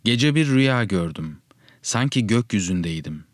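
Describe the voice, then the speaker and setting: Low-voiced man narrating a story. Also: normal speed, no room sound, clean studio sound. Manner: steady, reflective first-person narration.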